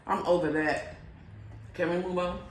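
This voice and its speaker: A woman's voice: on the low side, fairly even intonation, normal speed, a little hiss or hum. A woman co-hosting a casual TV recap chat, easygoing and opinionated, trailing off into fillers. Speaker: co-host. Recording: echoey room.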